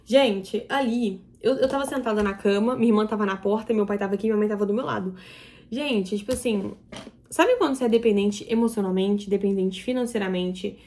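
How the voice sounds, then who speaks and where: A woman's voice: mid-range voice, brisk, darkish tone. A young woman telling a personal story to her viewers in an emotional, confiding way. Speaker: vlogger. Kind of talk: confessional storytelling to camera.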